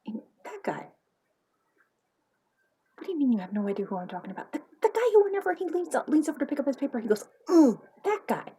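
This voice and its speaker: A woman doing a nosy, gossiping wife who keeps nagging her husband in the car. She swings between hushed, conspiratorial whispers and loud exclamations, at a middling pitch, with a faint hiss behind her. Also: very animated, fairly quick, long pauses, natural voice, poor audio. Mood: gossipy.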